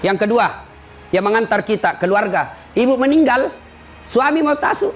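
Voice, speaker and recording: A man giving a humorous sermon, telling jokes and stories in an animated way. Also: extremely high pitch, normal speed. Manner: animated, joking storyteller. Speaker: preacher.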